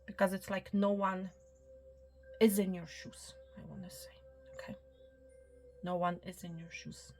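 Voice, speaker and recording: A woman giving a spiritual reading in a soft, reassuring way, often dropping to a whisper and checking in with the listener. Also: lowish voice, little pitch movement, measured pace, long pauses. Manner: soft, reassuring, repeats "okay" and "my friend"; drops to a whisper at times. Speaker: psychic reader. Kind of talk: tarot-style spiritual reading to camera. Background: soft background music.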